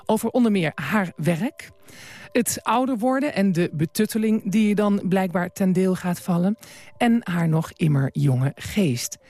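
A woman with a Dutch accent, a radio presenter calmly reading a scripted introduction. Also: medium pitch, no room sound.

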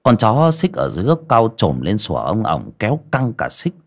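A man narrating a dramatic audio story in an expressive reading style. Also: fairly low pitch, normal speed.

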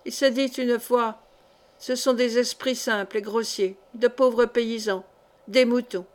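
A woman reads a young peasant clog-maker turned fierce orator, his speech solemn and swelling into loud accusation, pitched a little high. He hammers his charges at a hushed crowd in a storybook reading. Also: fairly even intonation, measured pace, lightly acted. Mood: accusing.

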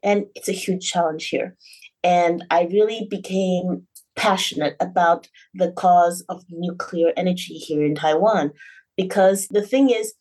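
Bright, slightly husky woman chatting about science. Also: lowish voice, a little slow. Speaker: new co-host, reporter and clean energy advocate. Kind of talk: casual science talk show chat.

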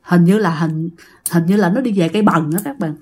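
A woman's voice: on the low side, brisk, a little mellow, slightly rough. A woman with a Southern Vietnamese accent telling a ghost story, chatting directly to her listeners.

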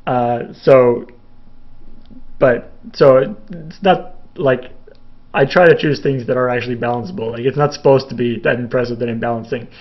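A young man from Canada casually answers viewer questions in a live Q&A, his middle-pitched voice wandering through fillers and restarts with a bit of laughter. His intonation is fairly even, his speed normal, and the sound somewhat dull and lo-fi.

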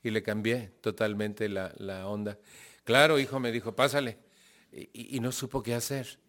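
A man with a Mexican accent shares his recovery story with a group, acting out dialogue and asking the audience questions. His voice is lowish with fairly even intonation, at normal speed.

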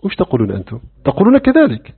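A man's voice: sits high, rapid-fire, slightly rough. A man teaching a lesson on creed, asking rhetorical questions and acting out dialogues. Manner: animated, asks rhetorical questions, acts out dialogues. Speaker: religious teacher. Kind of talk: lecture on creed. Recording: narrow phone-like lo-fi recording.

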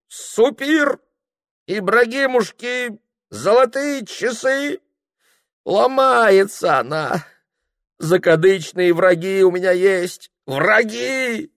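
A drunken male reveler bellows slow, stretched-out boasts in a high, strained voice. His shouts leap up and down, dry and near. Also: dry recording, heavily acted. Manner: yelling, drawn out.

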